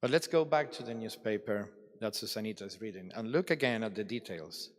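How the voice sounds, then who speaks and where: A man giving a formal, reflective address at a conference closing ceremony, with deliberate dramatic pauses. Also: on the low side, animated. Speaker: ceremony speaker. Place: large hall at a ceremony. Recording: long reverb of a large hall.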